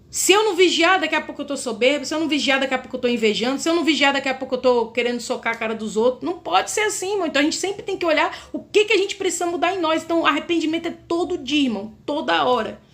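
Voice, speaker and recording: Brazilian woman preacher, high voice, fervent sermon delivery, keeps addressing the congregation directly. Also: a bit bright. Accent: Brazilian Portuguese. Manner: fervent, repeatedly addresses listeners as brothers.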